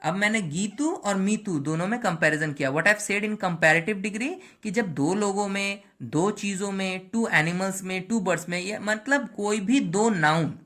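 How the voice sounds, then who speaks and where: A woman teaching English grammar, moving between Hindi and English, slowing down to spell out each English example and checking in with "right?" and "okay". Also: mid-range voice, fairly bright tone. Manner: mixes Hindi and English, slow over English examples. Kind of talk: classroom lesson.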